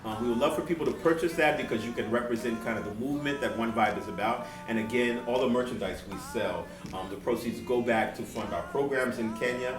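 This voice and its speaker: Relaxed man from Seattle, roomy venue. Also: mid-range voice, fast talker, hardly any pauses. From Seattle, USA. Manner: relaxed and earnest, many "um" fillers. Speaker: guest, board member of a nonprofit. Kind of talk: live on-stage interview. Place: event venue with live audience. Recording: echoey venue, distant mic, music behind.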